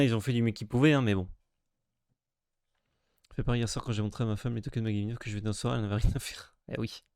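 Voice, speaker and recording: A man streaming a card pack opening in casual commentary, sarcastic and self-mocking with crude jokes, now and then breaking into sudden excited yelps. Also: medium pitch, clear, resonant tone, no room sound, clean studio sound.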